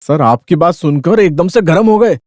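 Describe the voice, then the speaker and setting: An actor dubbing a brisk, formal police clerk in a film scene. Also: male voice, fairly high pitch, expressive, a little mellow, no echo, studio quality. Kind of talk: Hindi film dub.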